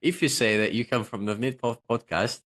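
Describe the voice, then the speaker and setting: Speaking fairly quickly at a medium pitch, the Russian social selling consultant keeps a steady, fairly bright tone as an interview guest. The talk is casual and loose, laced with jokes, self-promotion, and frequent fillers.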